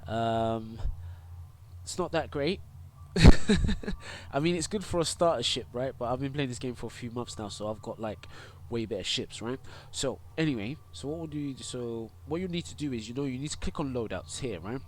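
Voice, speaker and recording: A young male YouTuber and streamer, stuffed up with a cold, talks loosely through a game tutorial, restarting often and leaning on fillers. He speaks at an ordinary pace with a medium-pitched, animated voice over a slight hiss or hum.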